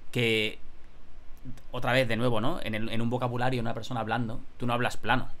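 Guitar teacher explaining. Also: male voice, mid-range voice, little pitch movement, a little fast, fairly bright tone. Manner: explanatory, laughs often, says "tío". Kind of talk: casual chat about guitar.

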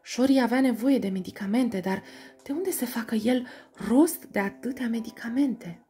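Woman reading a children's story, expressive. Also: fairly high pitch, soft background music.

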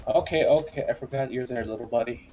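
A man's voice: medium pitch, quick pace, mellow, slight background noise, poor audio. A man chatting casually while gaming with friends, joking and slipping into silly exaggerated voices. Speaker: gamer in voice chat.

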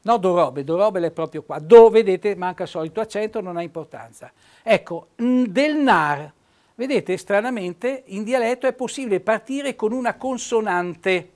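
A man's voice: sits high, lively intonation, normal speed. A man with a Trentino accent hosting a TV show and patiently explaining dialect words. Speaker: host, dialect teacher. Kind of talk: casual chat and dialect lesson.

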